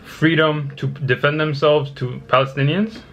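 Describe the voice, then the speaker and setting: A man's voice: a little high, steady tone, moderate pace, fairly bright tone. Earnest man with a dull lo-fi mic. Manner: earnest, pressing questions. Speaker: YouTuber chatting with strangers on video chat. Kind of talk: casual vlog intro and debate.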